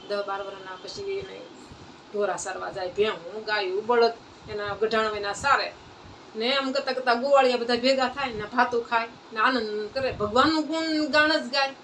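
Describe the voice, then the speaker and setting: Lady, kinda high voice, retelling a holy tale folk style, mic a bit far off, faint hum behind. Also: fairly bright tone. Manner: plain folk retelling, repeats phrases. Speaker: devotional storyteller. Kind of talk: satsang story narration. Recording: distant mic, faint ambient noise.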